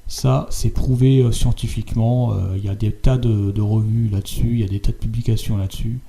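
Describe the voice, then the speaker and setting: A man with a very dark, gravelly voice talks through images shown on screen. He hesitates a lot and repeats words as he goes. He keeps pressing his point with tag questions at the ends of his phrases. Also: lowish voice, fairly even intonation, fairly quick. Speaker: video host. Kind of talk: spoken commentary over on-screen images.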